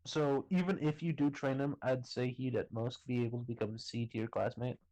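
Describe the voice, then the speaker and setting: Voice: medium pitch, fairly even intonation, fairly quick, mellow, low-quality recording. Teasing game master with frequent laughs. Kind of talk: casual tabletop role-play narration.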